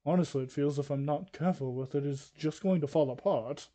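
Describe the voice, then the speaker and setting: A man voicing a mild, scholarly old man in a tabletop game, explaining haltingly with small coughs. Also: fairly high pitch, dark tone, lightly acted. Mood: musing. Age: older. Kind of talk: tabletop role-play.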